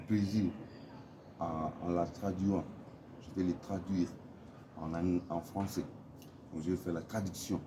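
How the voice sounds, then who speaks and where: A low-pitched man speaks casually to camera from his home, stumbling and repeating words as he gropes for what to say. Steady traffic noise runs clearly behind him. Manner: halting, full of repeated words and fillers. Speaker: vlogger.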